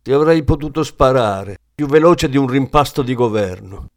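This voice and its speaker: Brief: male reader doing a contemptuous hard-boiled cop, cutting, pitched up. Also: expressive, normal speed, natural voice. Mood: scornful. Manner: scornful, cutting.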